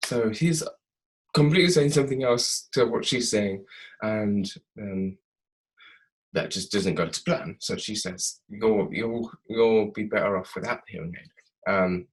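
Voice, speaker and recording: A young man casually recapping a TV episode, chatty and animated, laughing often. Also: fairly low pitch, measured pace. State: tired.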